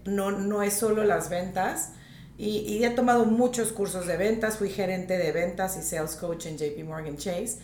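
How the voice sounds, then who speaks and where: A woman's voice: mid-range voice, moderate pace, a little mellow, roomy sound, slight background noise. A woman from northern Mexico, a real estate agent, talking directly and laughing easily as a podcast guest. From northern Mexico, grew up in Tijuana. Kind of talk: casual interview chat.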